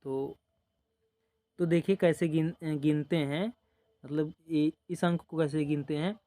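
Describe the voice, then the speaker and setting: A man's voice: on the high side, fairly even intonation, dark tone. A man teaching a basic number-system lesson step by step, patiently repeating numbers and often saying "dekhiye" and "ok". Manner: explains patiently, repeats numbers, drawn-out counting. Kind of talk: slow step-by-step classroom teaching.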